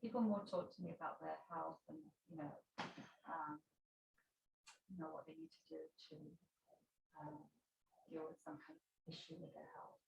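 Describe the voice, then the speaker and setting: A woman's voice: low voice, big pitch swings, moderate pace, vocal fry, pauses often. A woman who works as a body worker, talking hesitantly with many fillers in a casual group discussion. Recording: echoey room with faint hiss.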